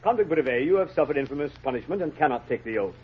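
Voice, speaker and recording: A man's voice: a little high, animated, racing, natural voice. A man playing a stern, formal judge in an old radio drama, speaking with pompous authority. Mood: stern, measured. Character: stern, formal male court judge, courteous yet commanding. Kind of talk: 1930s radio drama acting. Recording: dull old radio recording.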